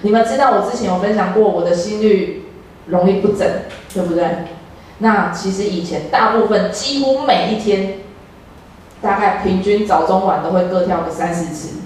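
A woman's voice: mid-range voice, darkish tone. A woman with a Taiwanese Mandarin accent preaching a sermon, earnest and encouraging toward her congregation. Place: church sanctuary. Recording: echoey church hall, distant mic, faint noise.

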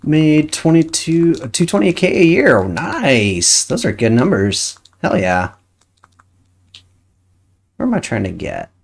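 A woman's voice: low voice, big pitch swings, a little slow, vocal fry, long pauses, slightly rough. Woman streamer chatting while she plays, lots of muttering to herself. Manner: chatty, thinks aloud, mutters at the game. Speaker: game streamer. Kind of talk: casual chat while playing a game.

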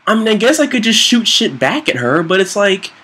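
A young man doing casual, profane game commentary with slangy frat-bro talk, excitable and whiny when he is losing. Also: high-pitched, a little fast, slightly rough. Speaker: gamer doing a playthrough of a fighting game. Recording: loud game music behind. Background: loud game music.

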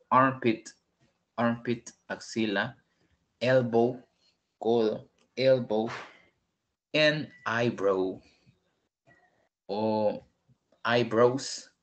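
A man's voice: medium pitch, fairly bright tone. A man teaching an online English lesson, patiently repeating each word several times. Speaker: English tutor.

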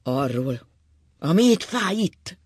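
A man voicing a drunk old husband who rails loudly and wails through dry sobs. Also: mid-range voice, completely flat delivery, dry recording, lightly acted. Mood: agitated. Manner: loud, mocking, then wailing. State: drunk and sobbing.

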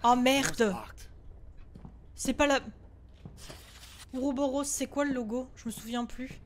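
This woman streams a horror game live, speaking slowly in a high, steady voice against slight background noise. Jittery and frequently swearing, the gaming streamer scolds the ghosts on screen as she plays.

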